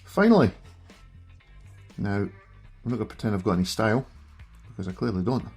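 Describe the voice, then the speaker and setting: A middle-aged Scottish man with a broad accent chats casually through a gameplay stream. His voice is husky and his manner self-deprecating. Faint music plays behind him. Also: lowish voice, fairly even intonation, quick pace. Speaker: streamer reviewing a gaming handheld. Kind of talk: casual live gameplay commentary.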